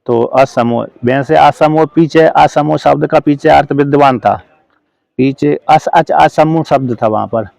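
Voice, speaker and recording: Halting gravelly male scripture teacher. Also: a little high, a little mellow, no room sound. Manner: halting, self-correcting, checks in with listeners; slow chanted verse recitation. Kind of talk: explaining a commentary line by line.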